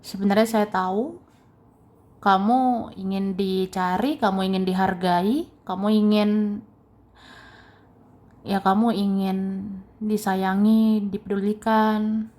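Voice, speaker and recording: A young woman giving a casual tarot card reading, repeating phrases and chuckling softly as she goes. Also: medium pitch. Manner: slow, repetitive phrasing with soft chuckles. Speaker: tarot reader.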